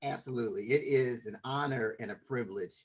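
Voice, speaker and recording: A man's voice: mid-range voice, brisk. A man hosting a podcast, introducing a guest with enthusiasm and often stumbling over and repeating his words. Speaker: podcast host. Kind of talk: casual interview introduction.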